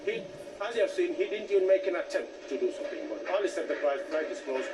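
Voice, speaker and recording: A man's voice: high voice, expressive, fast. A man as a passenger at an airport check-in desk, insisting, pleading and angry about a missed flight. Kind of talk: fly-on-the-wall documentary. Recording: distant echoey audio with background noise.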